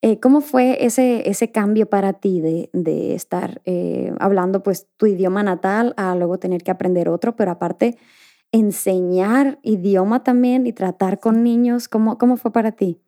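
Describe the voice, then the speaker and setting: A woman from Mexico with a Mexican accent, hosting an interview podcast in a relaxed, chatty way. She laughs often and uses fillers like "como que". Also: medium pitch, moderate pace. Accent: Mexican Spanish. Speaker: podcast host. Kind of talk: casual interview chat.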